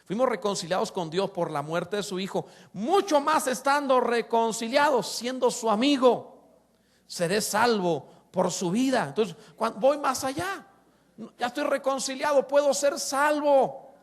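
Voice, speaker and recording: High-voiced preaching pastor. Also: male voice, a little slow. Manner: lively preaching with rhetorical questions and humorous asides. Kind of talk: sermon.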